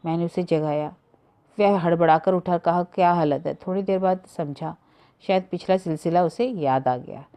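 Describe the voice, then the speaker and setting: A woman narrating a literary short story in a measured, even storytelling manner. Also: fairly low pitch, smooth. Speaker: story reader.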